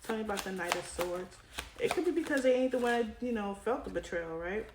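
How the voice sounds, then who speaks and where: Brisk and expressive at medium pitch, a woman gives her viewers an informal tarot reading, frequently checking in with "right?". Her voice is flagging as she catches a cold. Background clicks and card shuffling ring in an echoey room.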